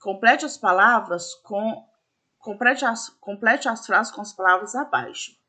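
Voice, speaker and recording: A woman's voice: medium pitch, a little slow, pushed and bright. A woman teacher patiently explaining a school lesson step by step, with frequent fillers. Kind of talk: recorded classroom lesson.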